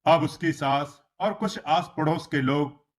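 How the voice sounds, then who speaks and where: Male storyteller, fairly high voice, slow measured narration of a moral tale. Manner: slow, measured storytelling, voicing the characters' quoted lines.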